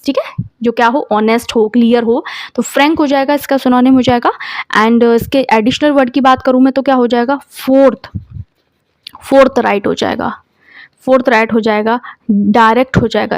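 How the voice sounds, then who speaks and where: A woman's voice: a little high, dry recording. A woman teacher with an Indian accent, giving an exam vocabulary lesson, spelling words out letter by letter and using memory tricks.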